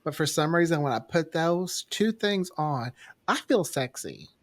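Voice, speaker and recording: A man's voice: a little high, expressive, measured pace. A man chatting casually and candidly as a podcast co-host, playful and prone to wandering off topic. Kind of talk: casual chat.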